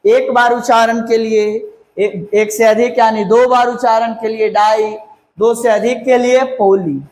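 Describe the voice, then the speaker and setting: A man teaching a grammar lesson to a class. He talks slowly and repeats key words, spells them out letter by letter and keeps checking whether the class understood. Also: very high voice, level tone, darkish tone. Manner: slow, repeats and spells words out, asks "clear?". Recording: echoey room.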